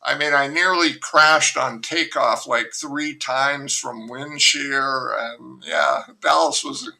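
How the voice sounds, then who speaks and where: This older man, an author and remote interview guest, talks slowly in a mid-range voice that's bright and forceful, with vocal fry. In a casual chat, he spins rambling stories full of self-interruptions and fresh starts.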